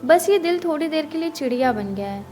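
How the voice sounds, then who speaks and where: A woman voicing a gentle, encouraging female talking bird in a spoken story. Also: high voice, expressive, a little fast, soft background music, voice pushed up. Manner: encouraging, soothing.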